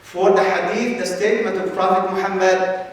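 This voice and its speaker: High-voiced man lecturing in an echoey hall. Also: fairly even intonation, far from the mic. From Palestine. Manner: earnest, explanatory, frequent filler pauses. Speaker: Islamic scholar, guest speaker. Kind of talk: religious lecture. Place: large mosque hall.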